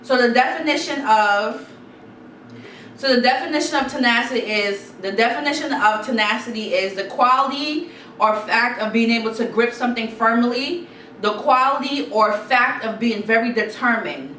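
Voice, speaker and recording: In this relaxed sit-down YouTube advice video, a chatty Guyanese girl with a fairly high voice talks at an ordinary pace, animated and repeating herself as she reads quotes out loud. Faint noise and a roomy echo come through because the mic is a bit far away.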